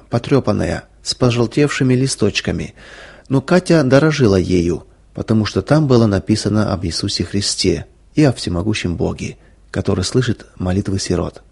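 Male narrator, husky, calm and earnest, mid-pitched storybook reading.

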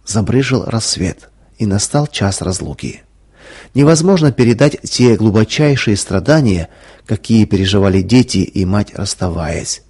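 Husky-voiced man narrating a story. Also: fairly low pitch, lively intonation, normal speed, darkish tone.

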